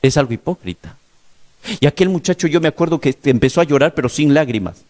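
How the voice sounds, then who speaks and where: A man's voice: on the high side, lively intonation, fast talker, darkish tone. A male pastor preaching a sermon, telling a story in an urgent, emphatic way, with a slightly sore throat.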